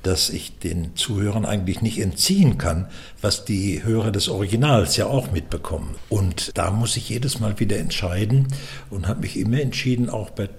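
A man's voice: lowish voice, normal speed, gravelly. A man in his seventies, an interpreter talking reflectively in an interview. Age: 70s. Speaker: simultaneous interpreter being interviewed.

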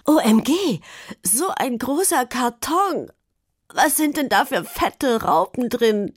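A woman voicing a bossy, bratty schoolgirl ringleader in a children's audio story, shrill and domineering. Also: moderate pace, darkish tone, no room sound, clean studio sound, close to an everyday voice. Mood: shrieking.

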